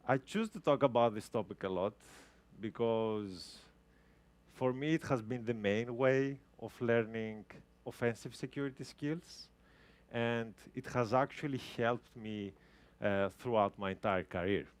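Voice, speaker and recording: A Greek guest speaker, whose first language is Greek, gives a tech talk to a live audience at a venue. He explains things casually with frequent restarts, in a medium-pitched voice at a measured pace.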